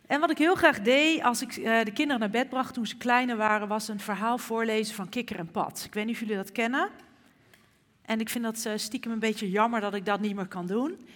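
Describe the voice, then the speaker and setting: Woman, preacher, sermon, chatty storytelling, fillers, fairly high voice, long church reverb. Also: fairly quick. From Netherlands. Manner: warm, chatty, with frequent fillers. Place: church service.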